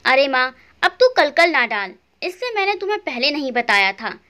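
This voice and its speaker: A brusque grown son, short-tempered and dismissive toward his old mother, voiced by a woman storyteller. His high, lively delivery swings up and down as he brushes off her pleas in an audio storybook. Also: moderate pace, full character voice. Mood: irritated.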